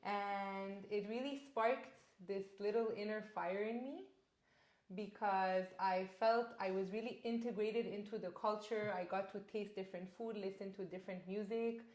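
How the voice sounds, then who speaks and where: A woman's voice: medium pitch, fairly even intonation, moderate pace, darkish tone. A young woman from Canada, a guest in an interview, talking in an earnest, reflective way about her travels. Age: young adult. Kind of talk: casual interview conversation. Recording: roomy echo.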